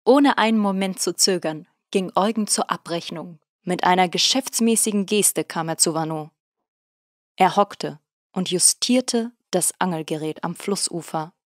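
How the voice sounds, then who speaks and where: In a steady, measured storytelling manner, a woman narrates an audiobook. Her pitch is fairly low, and the recording is dry with clean studio sound.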